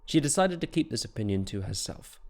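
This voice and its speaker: A man narrating a fantasy audiobook in a steady, measured storytelling voice. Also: mid-range voice, vocal fry.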